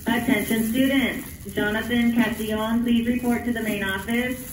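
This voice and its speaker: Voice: mid-range voice, fairly even intonation, moderate pace, noisy background. Echoey school intercom announcement from far off. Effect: school intercom loudspeaker. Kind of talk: formal public announcement. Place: school building, heard through a classroom speaker.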